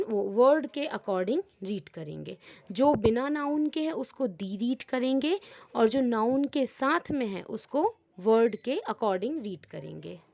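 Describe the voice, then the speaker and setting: Patient woman teacher, slow and dry. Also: on the high side, a little mellow, no echo, dull audio. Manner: asks the class rhetorical questions and answers them herself; repeats each rule several times. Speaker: English teacher. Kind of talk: explanatory grammar lesson.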